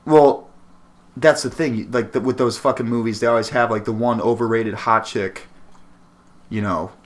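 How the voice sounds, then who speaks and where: A man of ordinary pitch co-hosting a podcast, rambling from joke to joke. His talk is loose, crude and unpolished, full of restarts. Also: fairly even intonation, normal speed. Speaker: podcast co-host. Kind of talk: casual chat.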